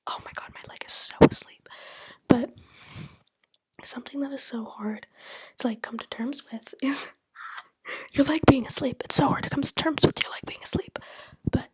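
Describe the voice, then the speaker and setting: A young woman vlogger whispers to the camera in a breathy voice that sits high, talking at normal speed but pausing often. Her monologue is candid and rambling, packed with "like" and "you know."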